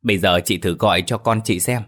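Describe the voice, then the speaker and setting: A man's voice: on the low side, a little fast, a bit bright. A man as an earnest young taxi driver. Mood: concerned. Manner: earnest, concerned, stammering when scared. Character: young male taxi driver, kind, later frightened.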